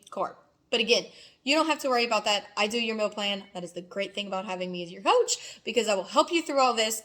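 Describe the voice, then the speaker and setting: A woman with a somewhat high-pitched voice speaks as a coach in a casual vlog. She is emphatic and directive, laying out advice plainly and checking in with her listeners as she goes. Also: fairly bright tone. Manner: emphatic, directive, frequent "okay?" check-ins. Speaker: fitness and nutrition coach.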